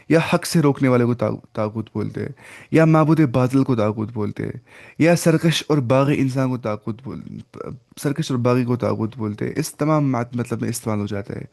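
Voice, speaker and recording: A man teaching a Quran lesson in Urdu, explaining word meanings step by step, asking and answering his own questions, slipping in English words and reciting Arabic phrases slowly. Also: medium pitch, gravelly, darkish tone.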